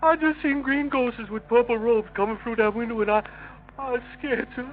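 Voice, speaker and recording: High-voiced, frightened suspect played by a man, old radio. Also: expressive, moderate pace, close to an everyday voice. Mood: scared, pleading. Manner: theatrical, folksy dialect speech, repetitive pleading. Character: frightened, wily male murder suspect, pleading and evasive. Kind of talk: 1930s-1940s radio crime drama acting. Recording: muffled vintage radio recording, music bleed.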